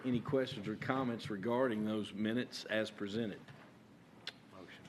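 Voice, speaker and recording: A man chairing a county court meeting as judge, halting with many fillers and restarts. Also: lowish voice, slight background noise.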